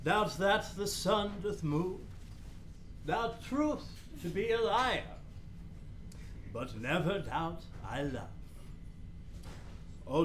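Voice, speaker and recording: Polonius, fussy old counselor, swooping high. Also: male voice, a little hiss or hum. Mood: declaiming. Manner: rambling, self-interrupting, theatrical. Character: fussy, long-winded old male royal counselor and father. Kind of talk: Shakespearean radio play acting.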